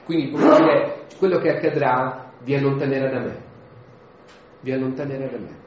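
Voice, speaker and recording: A man giving an informal homily, conversational and lively, acting out the voices of the people in the story. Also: medium pitch, normal speed, muffled recording, a little hiss or hum. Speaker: preacher. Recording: echoey room.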